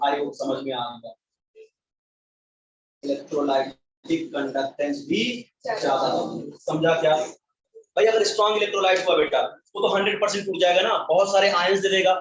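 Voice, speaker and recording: Guy teaching chem in class, high voice, asks stuff then answers it, kinda far from the mic, muffled. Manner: asks questions and answers them himself, calls students beta and bhai. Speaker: chemistry teacher. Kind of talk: classroom lecture. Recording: echoey, distant, dull classroom sound.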